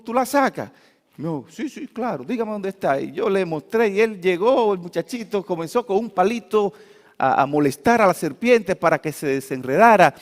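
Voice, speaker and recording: A male pastor preaching a sermon in a high voice. He tells his story in waves, sinking to quiet asides and rising to loud, emphatic peaks. The sound carries a long reverb from the church hall.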